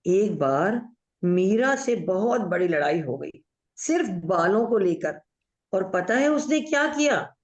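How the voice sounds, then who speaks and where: A woman's voice: mid-range voice, animated, takes it slowly. A woman acting a chatty, bossy middle-aged aunt in a play over a video call, mixing in English while she tells family stories. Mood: gossipy. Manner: mixes Hindi with English, gossipy storytelling. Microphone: video call audio. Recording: echoey room, dull muffled audio.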